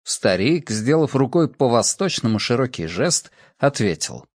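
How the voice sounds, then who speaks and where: A man narrating an audiobook in a measured, expressive reading. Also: medium pitch, no room sound, clean studio sound. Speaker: audiobook reader. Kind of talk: scripted narration.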